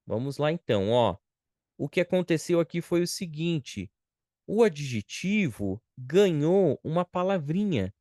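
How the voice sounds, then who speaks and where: A Brazilian man teaching English grammar online, patient and deliberate, stretching out example phrases and checking in with the class. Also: on the high side, sing-song, darkish tone, no room sound, clean studio sound. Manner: patient, drawn-out model phrases with frequent "ó" and "tá?" check-ins; slow and deliberate.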